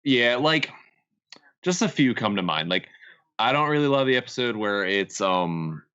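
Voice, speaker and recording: Blunt, quick-talking man on a podcast. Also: mid-range voice, animated, bright, forceful tone, clear, resonant tone, highs cut off. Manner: quick, blunt, curses casually. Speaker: podcast co-host. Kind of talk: casual chat.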